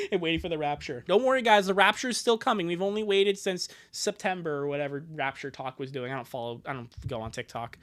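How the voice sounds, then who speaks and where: Slightly bright and medium in pitch, this streamer's voice carries a comic live reading of fan fiction. The commentary is sarcastic and exasperated, with crude asides and occasional outbursts.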